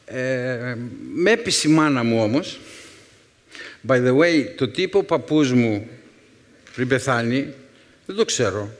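A man in his fifties, a teacher, telling wry personal stories with thoughtful pauses to a young audience. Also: mid-range voice, animated. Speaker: secondary school philology teacher and speaker. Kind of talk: storytelling talk to a young audience. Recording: reverberant hall.

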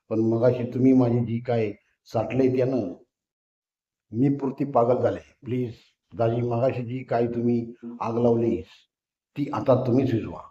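A man voicing a flustered young married woman who speaks in a pleading, hurried way. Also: medium pitch, warm tone, natural voice. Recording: roomy, dull lo-fi recording.

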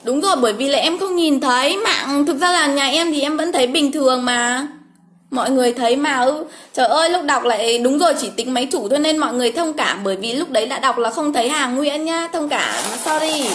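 A woman's voice: high voice, a little fast, fairly bright tone. A woman, hosting a casual livestream from home, chatty, calling names over and over with frequent exclamations. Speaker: livestream host drawing giveaway winners.

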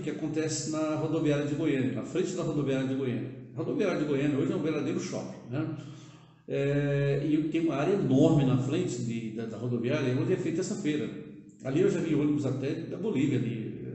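A man's voice: mid-range voice, mellow. Older man talking in an echoey room. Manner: conversational, with frequent "né?" tags and hesitations. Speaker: vlogger proposing a civic project. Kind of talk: casual direct-to-camera talk. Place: indoor room, seated at a table.

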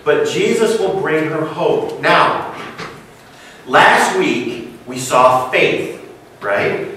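A pastor preaches in a casual, joking way, checking in with his listeners through rhetorical questions. His voice sits high for a man. He is heard from a distance in a very echoey church room. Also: expressive, very slow, sharp tone, slight background noise. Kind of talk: sermon. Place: church sanctuary.

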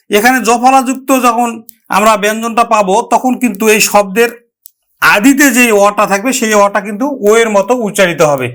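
A man's voice: high voice, a bit bright. A man with a Bangladeshi Bengali accent teaching an exam-prep grammar lesson, explaining step by step and repeating words to model their pronunciation.

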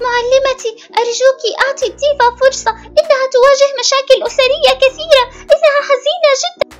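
A woman's voice: extremely high pitch, steady tone, fast, faint music behind. A woman voicing a kind schoolgirl friend with a sweet, pleading manner. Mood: caring.

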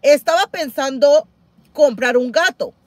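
At a measured pace, on a dry recording, a middle-aged woman hosts a couponing livestream. She chats casually and reads viewer comments aloud, animated and exclaiming, repeating words as her voice swings high and loud.

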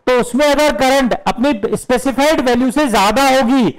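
Teaching electrical engineering at a whiteboard in an indoor classroom studio, a middle-aged Indian man on a headset mic switches between Hindi and English, posing questions and answering them himself. He speaks at a moderate pace in a very high, clean-toned voice, though the audio quality is poor.

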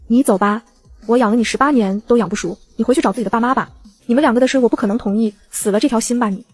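A woman's voice: fairly high pitch, rapid-fire, darkish tone, breathy edge. A woman voicing a stern middle-aged mother who scolds her adopted daughter in an audiobook. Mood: cold.

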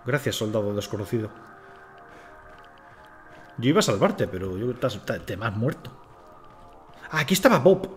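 A man's voice: mid-range voice, sing-song, normal speed, long pauses, faint music behind. A man from Spain, swearing and talking to himself as he streams a game. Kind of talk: casual live gameplay commentary.

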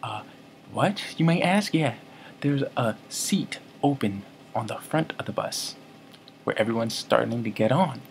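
Male comic vlogger, deadpan rambling storyteller, medium pitch, faint room hiss. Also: unhurried. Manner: rambling, self-correcting, mock-serious. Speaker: comedy vlogger.

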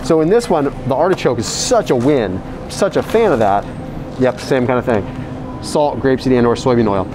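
A man talking through a face mask, casually reviewing frozen food in a supermarket aisle, animated and quick with asides. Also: mid-range voice, music in the background. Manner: animated, reads out ingredient lists with quick asides. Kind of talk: casual walkthrough vlog. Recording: noisy store background.

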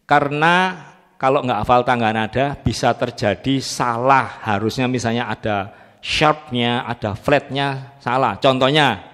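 A man's voice: medium pitch, unhurried, fairly bright tone. A man teaching a music class, quizzing students on letter names and solfege. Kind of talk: live music training class. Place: church training room. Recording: long reverb in a hall.

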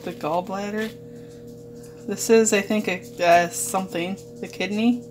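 A woman's voice: medium pitch, fairly even intonation, unhurried, a little mellow, faint music behind. A woman talking casually at home as a homeschooling mother, giving plain, matter-of-fact instructions.

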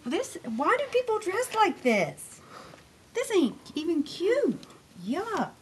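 High, lively woman griping at home. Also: takes it slowly, a little hiss or hum. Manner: complaining, swearing, exasperated. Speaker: mother getting dressed to go out. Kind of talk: casual home video chat. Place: small bedroom closet at home, indoors. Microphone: handheld camera filmed by her child.

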